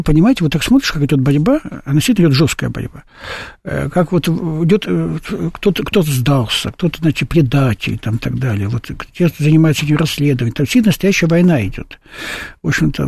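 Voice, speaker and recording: A man talks fast in a gravelly, husky voice, a little higher than most men. He answers an interview host emphatically and keeps checking that he is understood. The sound is dry and close. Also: a little mellow, no room sound. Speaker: guest.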